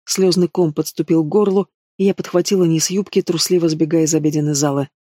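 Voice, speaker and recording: A man reading a fantasy novel aloud in a steady, expressive narration. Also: fairly high pitch, fast talker, no echo, studio quality. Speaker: audiobook narrator. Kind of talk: scripted narration.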